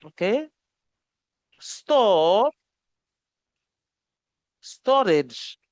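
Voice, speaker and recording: A woman teaching an English grammar lesson, who repeats each word slowly and keeps saying okay. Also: mid-range voice, big pitch swings, darkish tone, dry recording.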